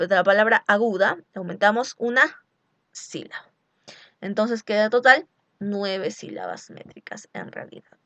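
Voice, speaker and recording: A woman teacher explaining poetic meter in a recorded lecture, speaking slowly and deliberately and asking rhetorical questions. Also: medium pitch, fairly bright tone, no room sound, highs cut off. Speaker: literature teacher.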